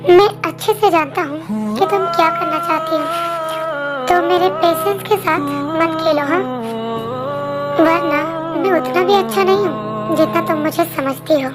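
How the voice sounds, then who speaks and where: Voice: very high-pitched, unhurried, pauses often, over loud music. A performer voicing a stern young male school principal who scolds curtly, in an amateur fan dub voice-over. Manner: curt, scolding.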